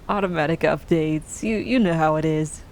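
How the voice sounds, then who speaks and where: A woman's voice: sits low, animated, a little slow, a little mellow, slight background noise. A woman playing a scrappy merchant who talks in a casual, blunt way.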